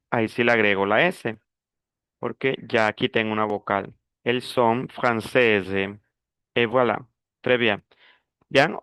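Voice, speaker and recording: A man teaching a beginner French class in Spanish, explaining slowly and mixing in French words. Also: mid-range voice, a bit bright, smooth, dry recording. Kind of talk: online language class.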